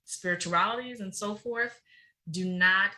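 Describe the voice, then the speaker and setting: Woman, middle-aged, emphatic, fast-flowing, very bright tone, interview guest. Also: mid-range voice, low-quality recording. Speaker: guest, researcher. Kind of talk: podcast interview.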